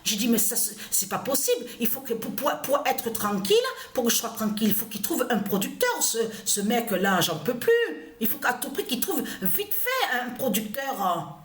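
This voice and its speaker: A woman's voice: a little high, big pitch swings, normal speed, echoey room, a little hiss or hum. A woman telling a personal story in an agitated, repetitive way, cursing often. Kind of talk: angry personal storytelling monologue.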